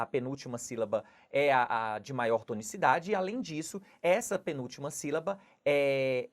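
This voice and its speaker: A woman teaching Portuguese grammar, walking through exam questions and checking in with "não é?" after nearly every point. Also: low-pitched. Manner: explanatory, repeats "não é?" and "tudo bem?" often. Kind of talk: exam question walkthrough lesson.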